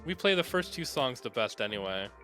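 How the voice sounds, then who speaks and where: A man voicing a manipulative young male guitarist who talks in a low, soothing, controlling way. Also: sing-song, fairly quick, bright, forceful tone, faint music behind. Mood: coaxing.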